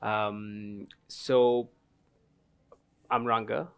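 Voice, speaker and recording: At a live festival stage panel, a Sri Lankan man in his thirties, a guest from a tea company, tells his story in an easy, rambling way with plenty of ums, laughing at it himself. His low voice is smooth and resonant, level in tone and extremely slow. The sound is phone quality.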